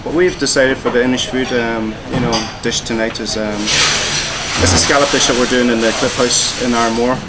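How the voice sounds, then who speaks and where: A man's voice: medium pitch, normal speed, very noisy. A man, a head chef who grew up in Donegal after being born in Hong Kong, chatting easily in an interview and filling his talk with "you know". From born in Hong Kong, raised in Donegal, Ireland. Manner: relaxed, full of "you know" and "um". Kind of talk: casual interview. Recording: crowd chatter behind.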